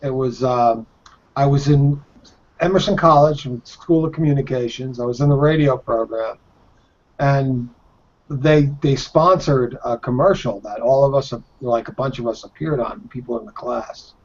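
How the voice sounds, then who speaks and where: A man in his fifties from the Boston area talks loosely in a casual chat, rambling through old memories and swearing freely. His voice sits at a middle pitch, and the recording sounds dull and lo-fi. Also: normal speed. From Boston area, Massachusetts.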